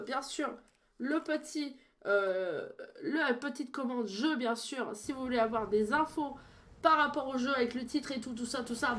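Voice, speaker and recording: High-voiced chatty French woman streamer. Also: a bit bright, a little hiss or hum. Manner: chatty, many fillers, playful. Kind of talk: casual gameplay commentary.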